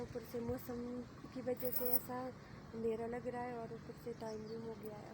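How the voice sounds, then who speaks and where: Young Himachali woman vlogger, soft and low in volume, even delivery, phone recording outdoors with steady noise behind. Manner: soft-spoken, quiet voice. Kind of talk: casual vlog chat. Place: outdoors at home, village. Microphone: phone camera, no mic.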